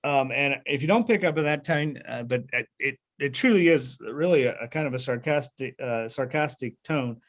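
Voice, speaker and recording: A man teaching a Bible study group over a video call, at a mid-range pitch. He explains patiently, full of "uh"s and restarts, and stops often to put questions to his listeners. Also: expressive, moderate pace, hardly any pauses.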